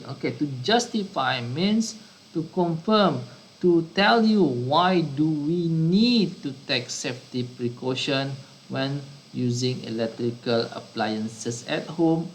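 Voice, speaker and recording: A man's voice: on the high side, slight background noise, poor audio. A man teaching a science lesson to children, often repeating and rephrasing his words. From Brunei. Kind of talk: slow online science lesson.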